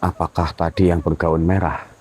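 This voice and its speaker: A man's voice: low-pitched, level tone, moderate pace, darkish tone, breathy edge, rough recording. A young man, a ghost-hunting vlogger who intones prayers and calls out to a spirit by a roadside hill. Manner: solemn, intoning Arabic prayers, then urgent and startled. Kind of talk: spoken invocations and narration to viewers. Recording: outdoor recording with wind noise.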